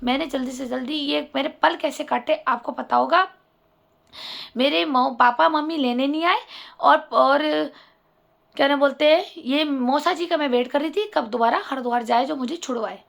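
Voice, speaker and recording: A middle-aged woman telling a personal story in an animated vlog monologue, acting out what others said. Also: high-pitched, moderate pace, gravelly. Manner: animated, acts out quoted voices. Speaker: vlogger.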